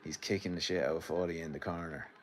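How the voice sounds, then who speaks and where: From his sitting room, a midlands Irish streamer rambles through casual live commentary on a match and talks with the people watching. His low-sitting voice is steady and fast, and there's slight background noise.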